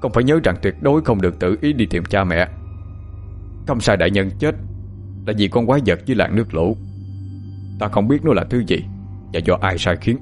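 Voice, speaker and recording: A man's voice: fairly low pitch, lively intonation, brisk, long pauses, soft background music, lightly acted. A man playing a grave middle-aged mandarin father in an audiobook, giving solemn, urgent instructions. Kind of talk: audiobook character acting.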